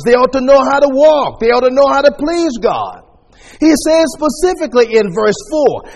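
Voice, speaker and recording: A man preaching a sermon at a pulpit microphone, teaching in a measured way as he walks his listeners through scripture verses. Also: very high voice, a little mellow, in a large hall.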